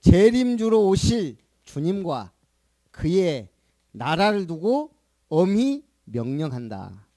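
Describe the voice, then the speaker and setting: A man's voice: high voice, very animated, takes it slowly, dark tone, dry recording, studio quality. A male pastor preaching a sermon, asking the congregation questions and playfully imitating a regional dialect. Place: church.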